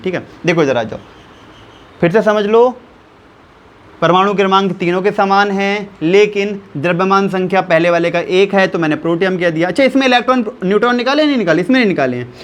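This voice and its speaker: High-voiced man teaching chemistry. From India. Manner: repeats key terms and quizzes listeners with questions; slows down to spell out values step by step. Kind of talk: classroom chemistry lesson.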